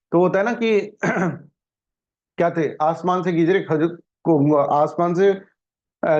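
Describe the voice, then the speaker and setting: A male teacher giving an exam-prep lecture, explaining in Hindi and English, often asking whether everyone understands, and reading English notes slowly. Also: on the high side, a little mellow. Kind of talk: classroom lecture. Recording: dull lo-fi audio.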